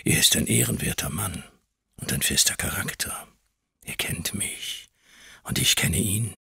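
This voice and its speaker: A man's voice: deep voice, lively intonation, measured pace, creaky, bright, forceful tone, breathy edge, no room sound, clean studio sound, heavily acted. A man voicing a fat, cruel schoolmaster who speaks only in a menacing whisper.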